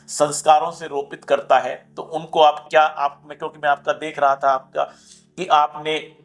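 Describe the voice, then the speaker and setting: A man's voice: mid-range voice, a bit bright. A man hosting a podcast interview, asking a long question that stops and restarts several times. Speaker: podcast host.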